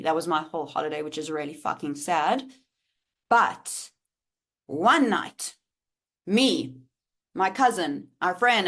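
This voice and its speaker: A woman's voice: deep voice, a bit bright. A woman, telling a candid storytime vlog and swearing freely. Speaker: vlogger.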